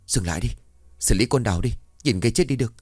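A man's voice: medium pitch, animated, fast talker, darkish tone, breathy edge, no room sound, pitched above the performer's own voice. A scheming, spiteful young woman, played by a male narrator, sneering and cold, recorded dry and close. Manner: sneering, scornful.

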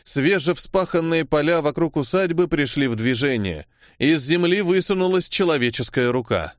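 A man narrating an audiobook in a steady storytelling voice. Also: on the high side, normal speed, dry recording, studio quality. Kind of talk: scripted narration.

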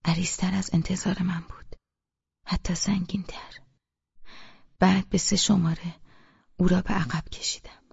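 A woman reading a novel aloud in first person, in a hushed, half-whispered voice. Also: on the low side, flat delivery, vocal fry, pauses often, slightly rough, no room sound, dull audio. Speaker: audiobook narrator.

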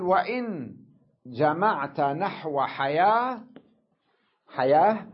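A man teaches a classroom grammar lesson in a husky, slightly breathy voice. He explains step by step and keeps checking that his students follow. The recording is dull and lo-fi. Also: a little high. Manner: explains step by step, asks the class "tamam?" often.

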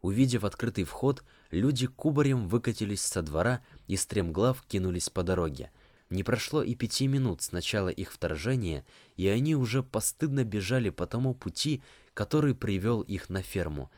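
Sex: man. Role: audiobook reader. Style: measured scripted narration. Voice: very deep. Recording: dry and close. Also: animated, darkish tone, no room sound. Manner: measured, storytelling.

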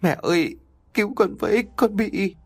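A frightened young woman in an audio story, put on by a man, her voice raised high and thin. She whimpers and falters, weak and tearful, with a husky edge. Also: big pitch swings, normal speed, no echo.

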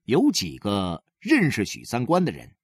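Husky man reading a story expressively. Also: unhurried, no room sound, clean studio sound. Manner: lively, expressive reading that swings widely in pitch. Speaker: audiobook narrator.

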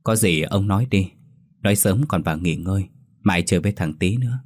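A worried middle-aged village wife, pleading and anxious, as a male storyteller reads her lines. The voice sits low and deep. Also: fairly quick, darkish tone.

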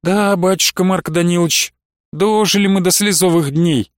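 A man's voice: high-pitched, moderate pace, no room sound, studio quality, close to an everyday voice. A man voicing a grieving, pious old nun who laments and pleads tearfully. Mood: mournful. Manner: lamenting, sing-song pleading.

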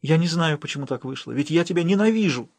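A man's voice: a little high, animated, quick pace, darkish tone, no room sound, pitched above the performer's own voice. Man voicing a proud, passionate young woman. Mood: pleading. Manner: pleading, then firm and cold.

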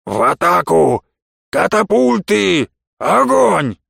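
A hoarse, stern old colonel, as a male narrator puts him on, speaking slowly from a lower, growlier register. He sounds a little set back from the mic. The recording itself stays dry. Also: big pitch swings, fairly bright tone, no room sound, exaggerated voice.

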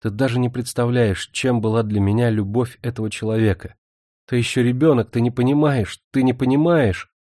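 A man's voice: medium pitch, steady tone, fairly quick, dark tone, no room sound, studio quality, lightly acted. A man voicing a despairing, jealous older sister, a young woman who speaks in anguished, pleading tones.

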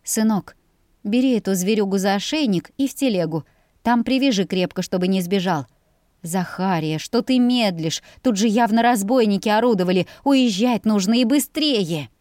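A woman's voice: medium pitch, normal speed, darkish tone, no room sound, clean studio sound, close to an everyday voice. Fussy, anxious farm wife who chatters, a woman reading her. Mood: urgent. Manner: fretful, chattering.

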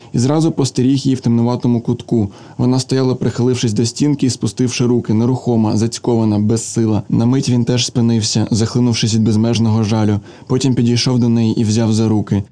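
A man reading a literary story aloud as an audiobook, in steady, measured narration. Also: mid-range voice. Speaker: reader.

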